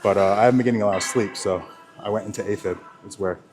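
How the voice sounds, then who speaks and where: A man's voice: on the low side, fairly even intonation, quick pace, darkish tone. A man talking casually in a gym vlog while out of breath, rambling and swearing, with lots of sidetracks. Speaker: fitness vlogger. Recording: music playing clearly behind.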